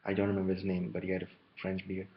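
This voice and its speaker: Gravelly man rambling on a lo-fi recording. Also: low-pitched, completely flat delivery, very fast. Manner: meandering, jumping between topics. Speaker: vlogger. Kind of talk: rambling solo monologue. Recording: muffled lo-fi with faint hiss.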